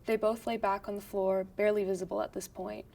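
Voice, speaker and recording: A woman reading the stage directions of a script in a plain, even way. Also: medium pitch, brisk, vocal fry, distant mic.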